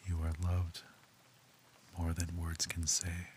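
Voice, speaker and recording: A man speaking in a soft, tender, intimate whisper as if close to the listener's ear, in an ASMR roleplay. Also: low voice, completely flat delivery, takes it slowly, a little hiss or hum.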